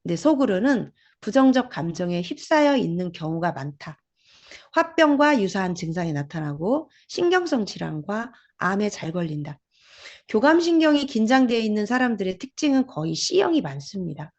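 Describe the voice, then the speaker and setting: A woman's voice: medium pitch, highs cut off. A woman hosting a book club talk, explaining ideas and acting out quoted speech. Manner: lively, acts out quoted speech.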